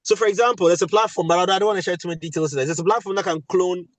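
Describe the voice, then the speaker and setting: Man, Ghanaian West African accent, high-pitched, emphatic panel talk, repeats key phrases, dry sound. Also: steady tone, very fast, no echo. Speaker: voice actor and audio producer speaking at a webinar.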